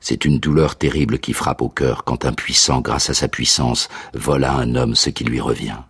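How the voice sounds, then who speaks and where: A man's voice: a bass voice, fairly even intonation, moderate pace, creaky, a bit bright, slightly rough, heavily acted. A man voicing a proud, wrathful male hero who gives stern commands, in a radio drama.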